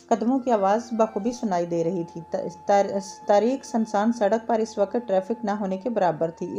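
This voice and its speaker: Female storyteller, mellow and unhurried, reading aloud with occasional stumbles. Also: medium pitch, highs cut off. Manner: steady, slightly halting reading with small slips. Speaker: story reader.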